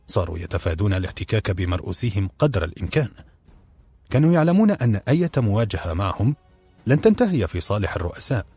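A man narrates an audiobook quickly and dramatically. His voice is low and husky, set close and dry, with faint music beneath it. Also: sing-song, dark tone, no room sound. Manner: dramatic storytelling. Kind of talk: scripted narration.

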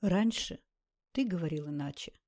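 A woman's voice: mid-range voice, normal speed, mellow, lightly acted. Woman reading a serious young woman. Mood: earnest.

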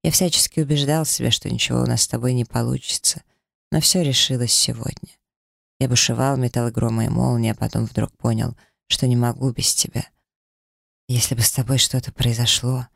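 A man reading a romance audiobook, voicing a confident man in love who speaks softly and reassuringly. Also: medium pitch, level tone, brisk, creaky, dry recording, studio quality. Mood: tender. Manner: soft, warm-hearted and reassuring.

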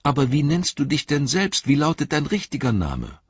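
A man performs the voice of a curious, eager young male hobbit asking questions, pitching it above his own natural voice in an exaggerated way. It's a little high, with huge pitch swings, a moderate pace and a breathy edge, on a dry, muffled recording.

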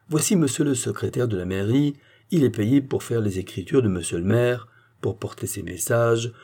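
A man voicing a calm, stubborn village philosopher who argues point by point in an audiobook reading. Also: medium pitch, slightly rough. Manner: calm, almost gentle, arguing point by point.

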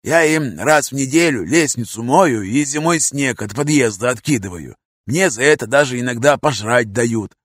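A man doing a hoarse, gruff street vagrant. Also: mid-range voice, lively intonation, a bit bright, no room sound, studio quality, voice pushed up. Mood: chatty. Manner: slangy, coarse, drawn-out talk. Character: gruff streetwise male vagrant, talkative and bossy.

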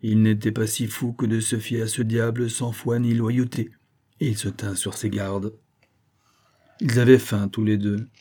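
Male storybook narrator, measured and mellow-toned. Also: lowish voice, flat delivery. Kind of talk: scripted narration of a tale.

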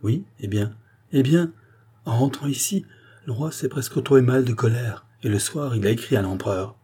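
Like an audiobook of a classic novel, this reading has a man playing an earnest politician who urgently cautions a queen, going through his warnings step by step. His mellow, somewhat husky voice is pitched a bit high and pressing, lightly acted at a moderate pace, with an explanatory, pleading manner.

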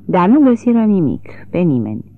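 A narrator dramatically and expressively reads a literary novel in a medium-pitched voice, with music playing faintly underneath. The sound is tinny and narrow.

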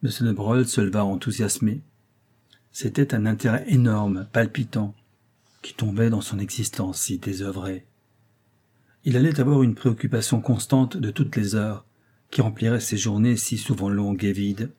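Male audiobook narrator, husky and low, measured literary delivery. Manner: measured, expressive reading.

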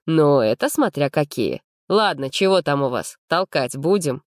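A woman reading an audiobook, voicing a cocky, mocking rich young man in a slow, teasing drawl. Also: low-pitched, animated, no echo, clean studio sound.

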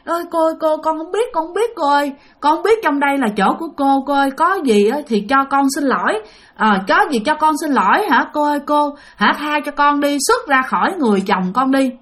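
A woman's voice: high voice, moderate pace, a bit bright. A woman voicing a frightened wife urgently pleading with a spirit in a spoken ghost story.

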